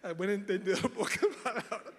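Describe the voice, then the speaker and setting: A pastor preaching a sermon, swinging from hushed lines to loud rhetorical questions. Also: male voice, sits high, normal speed, slight background noise. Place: large church hall. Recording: echoey church hall.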